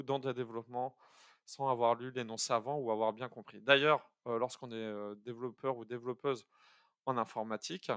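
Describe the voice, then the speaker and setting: A man's voice: medium pitch, fairly bright tone, clear, resonant tone, dry recording, clean studio sound. A man streaming a coding lesson, talking casually and hesitantly with many fillers while he thinks aloud. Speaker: coding streamer teaching algorithms. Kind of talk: live-streamed coding tutorial.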